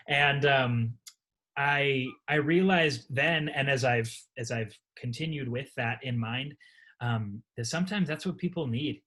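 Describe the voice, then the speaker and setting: A man's voice: medium pitch, a bit bright. Hesitant, reflective male guest. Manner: hesitant and reflective, many ums and restarts. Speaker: guest musician. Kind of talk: casual interview chat.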